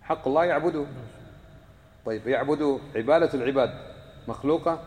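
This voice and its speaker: A man's voice: medium pitch, fairly quick, darkish tone. A man giving a religious lesson to a live class, quizzing his listeners and repeating key points for emphasis. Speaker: religious teacher. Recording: echoey hall with long reverb.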